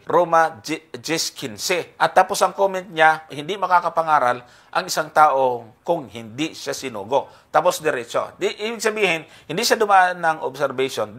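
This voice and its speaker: A man's voice: on the high side, expressive, normal speed, a bit bright. Earnest Filipino-speaking Bible teacher man. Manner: earnest, explanatory, reads verses aloud with heavy emphasis; addresses listeners as brothers and sisters, polite particles.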